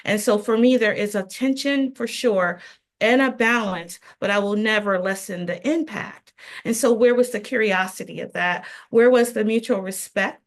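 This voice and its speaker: A woman's voice: mid-range voice, normal speed. A woman on a panel recounting a workplace conflict in an earnest, emphatic way, heard over a video call. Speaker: panelist, education worker. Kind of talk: personal story on a panel.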